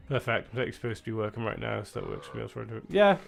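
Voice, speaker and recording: Welsh guy streaming a game, chatty, bit gravelly, faint music behind. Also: medium pitch, lively intonation, very fast. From Wales. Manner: chatty, reads out viewer chat. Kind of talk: casual gameplay commentary.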